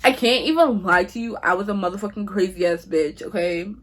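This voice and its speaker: A woman's voice: mid-range voice, a little fast. A young woman vlogger telling a breakup story in a casual, emphatic way, full of slang and swearing.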